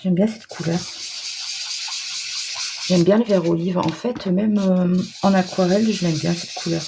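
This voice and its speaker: A woman talks through her crafting project at an unhurried pace, her voice sitting on the low side. She hesitates often and fills the gaps with little fillers. There is a clear hiss of noise behind her. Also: fairly even intonation. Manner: hesitant, many pauses and fillers, self-deprecating. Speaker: crafting vlogger. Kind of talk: casual craft tutorial narration.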